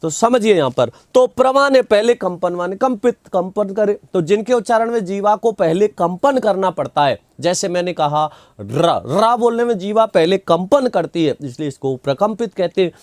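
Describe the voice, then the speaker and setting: Guy teaching grammar online, fairly high voice, quizzes himself then answers, dry close sound. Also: animated, moderate pace, hardly any pauses, darkish tone, no room sound. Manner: repeats key terms, quizzes himself and answers; reads out viewer comments and replies. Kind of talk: online Hindi grammar class.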